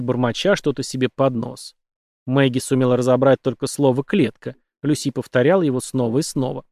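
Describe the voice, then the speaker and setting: A man narrating an audiobook thriller in an expressive, dramatic reading. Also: mid-range voice, dry recording, clean studio sound. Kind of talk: scripted narration.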